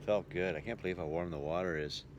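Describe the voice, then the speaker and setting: A touring radio-show entertainer and vlogger chats casually to camera for his video diary, speaking in a low-pitched voice at a quick pace. Recorded outdoors, the clip has clear background noise.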